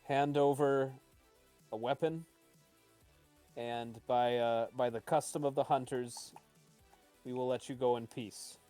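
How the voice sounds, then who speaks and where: A man voicing a suspicious, bargaining leader of a hunter war band, measured and firm. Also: medium pitch, steady tone, mellow, soft background music, natural voice.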